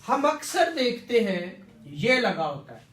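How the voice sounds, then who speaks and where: A man's voice: extremely high pitch, very animated, unhurried, fairly bright tone. A man teaching a classroom lecture, repeating words and quizzing students with questions. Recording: echoey room, distant mic.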